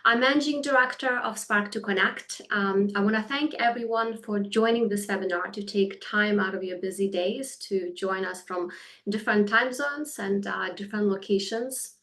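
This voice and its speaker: A woman's voice: medium pitch, normal speed, fairly bright tone. Woman from Lithuania, company founder, webinar presentation, video call, earnest, frequent fillers. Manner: earnest, many fillers, slightly non-native phrasing.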